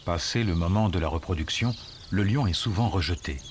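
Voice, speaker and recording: A man reading scripted nature documentary narration in a measured, explanatory storytelling manner. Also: sits low, background noise. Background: music under the voice.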